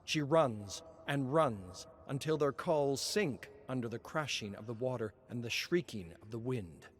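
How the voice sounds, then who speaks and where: In a mid-range voice, a man reads scripted narration like a storyteller, solemn and measured, leaning on dramatic pauses.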